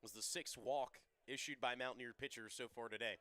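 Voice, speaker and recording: A young man with a bright, mid-pitched voice adds color commentary to a live radio baseball call. He talks in a relaxed, analytical way about stats, defensive positioning and pitchers. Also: brisk.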